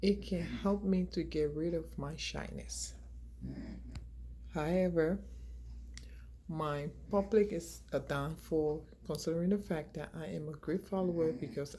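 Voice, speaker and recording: A low-pitched woman in her forties from Liberia reads a class presentation slowly off her slides, stumbling and restarting now and then. A steady hum of noise runs behind her voice. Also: low-quality recording. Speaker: graduate student.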